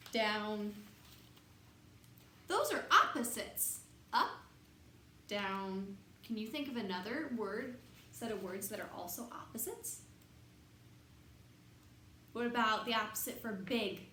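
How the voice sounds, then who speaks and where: This storybook reader's voice is medium in pitch as she performs a picture book for small children, all dramatic emphasis and sing-song counting and repetition. She pauses to quiz her listeners, and the room echoes slightly over a faint background noise.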